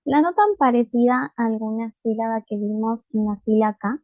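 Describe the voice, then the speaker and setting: A woman's voice: fairly high pitch, moderate pace, dry recording. Patient woman teacher, tinny dry line. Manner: patient, checks in with students often. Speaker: Japanese teacher. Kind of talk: online writing lesson. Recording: dry, phone-like narrow sound.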